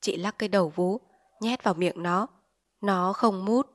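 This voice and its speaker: A woman reading a short story aloud as a storyteller, measured and unhurried, phrase by phrase. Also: medium pitch, dry recording.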